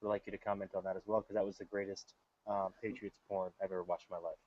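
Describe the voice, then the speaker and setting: A man's voice: low-pitched, level tone, fast, dry recording. A man hosting a casual sports chat, enthusiastic and swearing freely. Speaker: podcast host. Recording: dull lo-fi audio.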